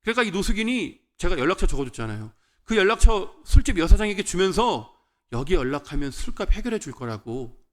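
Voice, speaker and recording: A young man preaching a revival sermon, telling a personal story in an animated way and acting out the voices of the people in it. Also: high voice, a little fast. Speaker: pastor.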